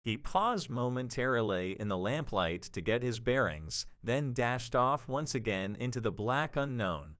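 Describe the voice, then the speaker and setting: A male audio-drama narrator tells the story in a measured way, his mid-register voice moving animatedly in pitch. The sound is very dry, with no echo.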